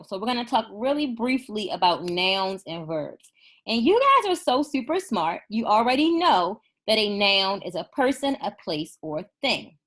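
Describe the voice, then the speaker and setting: A woman teaching a first grade class in a recorded remote lesson, patient and encouraging, slowing down to spell out sample sentences. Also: medium pitch, fairly bright tone. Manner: slow, deliberate dictation of sample sentences.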